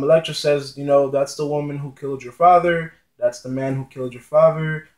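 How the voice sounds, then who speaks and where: A man's voice: mid-range voice, echoey room, low-quality recording. A man casually retelling and explaining a classic play, hesitating often with ums and restarting his sentences. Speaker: literature explainer. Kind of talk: casual spoken play summary.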